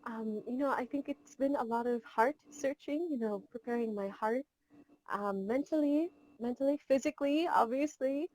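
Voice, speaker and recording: Speaking at a normal speed in a fairly high, slightly mellow voice, a Seattle woman in her twenties is a guest pageant contestant in a casual video-call interview. She has an American accent, sounds sincere and cheerful, and drops in the odd Filipino word. The audio is rough.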